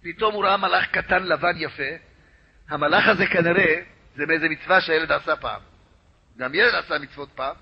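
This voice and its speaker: A man's voice: on the high side, creaky, husky. A man, a rabbi, telling a story as a sermon in a dramatic, repetitive way. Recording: lo-fi radio recording.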